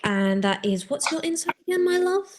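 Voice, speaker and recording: A woman's voice: very high-pitched, big pitch swings, a little fast. A woman chatting casually as a player in a tabletop roleplaying game.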